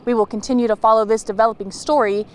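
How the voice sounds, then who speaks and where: A young woman, a TV news reporter, reading a measured news package. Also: on the high side, fairly even intonation. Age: young adult. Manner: measured, clear reporter delivery.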